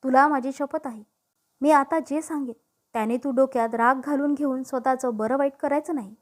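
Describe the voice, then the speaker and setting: A woman voicing a caring elder sister who speaks softly and gravely. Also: high voice, steady tone, moderate pace, close to an everyday voice.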